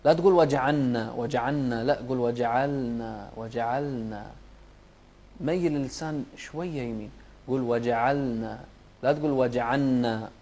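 A man teaching Quran recitation, patiently correcting mistakes and demonstrating each verse in a slow chant. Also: mid-range voice, a little mellow. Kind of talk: recitation lesson, chanting verses for children to repeat.

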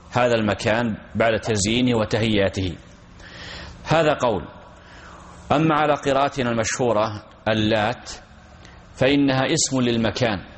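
Guy teaching a class, says each point twice, asks a question then answers it, steady mid-pitched voice. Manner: repeats key phrases, asks and answers his own questions. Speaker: teacher explaining a text. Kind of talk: classroom lesson on Quranic commentary.

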